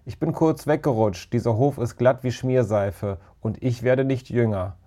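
A kindly old school caretaker , as a man reads him in a storybook, mutters his words with a wry, self-deprecating edge. The tone stays dark and mellow, settled in an ordinary middle pitch. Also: normal speed, lightly acted. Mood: rueful.

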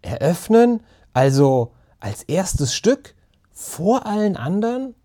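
A man's voice: medium pitch, lively intonation, a little fast, dark tone, close to an everyday voice. A man voicing a cheeky schoolboy who makes wry, muttered jokes. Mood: astonished.

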